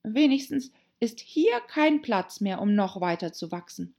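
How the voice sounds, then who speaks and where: Woman doing a high, girlish, anxious storybook heroine, breathy and animated. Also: measured pace. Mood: musing. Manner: anxious, stammering self-talk. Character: girl Alice, worried and chattering to herself. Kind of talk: audiobook character voice.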